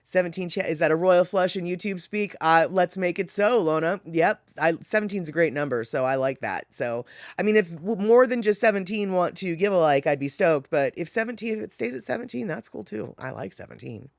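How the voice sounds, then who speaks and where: Fairly quick and creaky, this medium-pitched voice has lively intonation and is captured at studio quality without room sound. It belongs to an American streamer reading viewer chat, rambling casually, correcting themself and laughing at their own lines.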